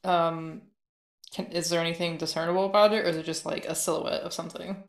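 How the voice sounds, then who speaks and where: A woman playing a tabletop game, asking halting questions with fillers, in roomy audio. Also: on the low side, little pitch movement, vocal fry. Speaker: player. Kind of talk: tabletop game role-play.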